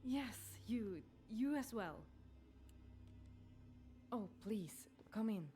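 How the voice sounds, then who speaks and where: A woman's voice: fairly high pitch, expressive, very slow, warm tone, soft background music. A woman playing an anxious, pleading mother of a difficult child in a video game drama. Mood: flustered.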